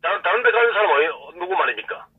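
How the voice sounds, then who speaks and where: A man's voice: high voice, very animated, rapid-fire, breathy edge. A male caller with a Gyeongsang dialect, ranting heatedly and repeating himself on a call-in show. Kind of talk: call-in rant. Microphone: telephone. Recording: tinny phone line, distant.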